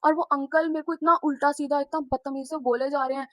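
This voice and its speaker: High-voiced young woman telling a storytime. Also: fast, no room sound, low-quality recording. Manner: animated, acts out quoted people. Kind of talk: casual storytime vlog.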